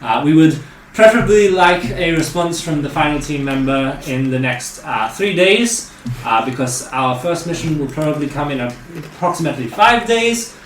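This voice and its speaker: A man playing a businesslike male recruiting officer who briefs new recruits, with frequent hesitant "uh" pauses. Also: on the high side, animated, natural voice. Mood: briefing. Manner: measured, many "uh" pauses. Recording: roomy, distant mic, faint noise.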